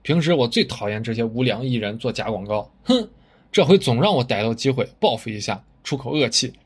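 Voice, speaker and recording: A man voicing a stubborn, gruff old farmer. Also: medium pitch, expressive, brisk. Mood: triumphant. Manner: gruff, indignant, scornful. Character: stubborn blunt old male village farmer.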